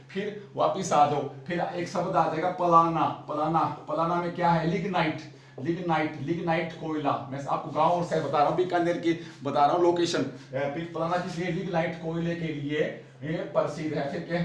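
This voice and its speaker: Echoey man drilling exam questions. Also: fairly high pitch. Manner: drills with repeated questions and answers; urging, brotherly pep talk. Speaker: exam coaching teacher. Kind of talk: fast exam-prep lesson. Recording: echoey room, distant mic.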